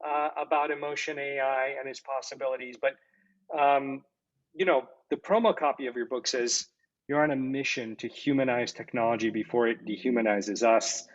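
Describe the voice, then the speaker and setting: A man's voice: medium pitch, fairly even intonation, normal speed. A man hosting a podcast interview, asking questions hesitantly with many fillers and false starts. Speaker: podcast host. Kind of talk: conversational interview. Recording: dull lo-fi audio.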